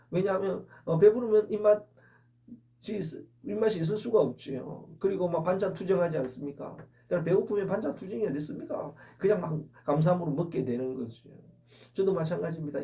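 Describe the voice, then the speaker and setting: A man's voice: fairly high pitch, mellow, recorded from a distance. A man preaching an Easter sermon as pastor, earnest and full of rhetorical questions.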